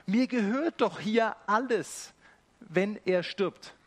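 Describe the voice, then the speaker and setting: A possessive young heir pleads to inherit his father's house, land and herds, as a man puts on his voice. He speaks a little higher and pushes each point with a grasping eagerness. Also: takes it slowly. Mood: pleading.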